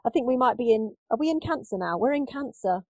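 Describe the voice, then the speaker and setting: A woman with a slightly high voice hosts a podcast in relaxed, rambling conversation. Her sound is close and dry, with no room around it. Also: quick pace, no room sound, rough recording. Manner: conversational, loose, lots of fillers. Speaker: podcast host. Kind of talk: casual chat.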